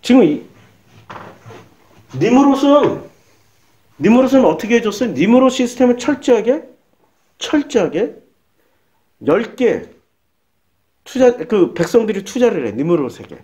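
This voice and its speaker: A male pastor preaching a sermon in a lively, colloquial way, firing off rhetorical questions. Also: extremely high pitch, measured pace, pauses often. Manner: animated, colloquial, rhetorical questions, acts out prayers.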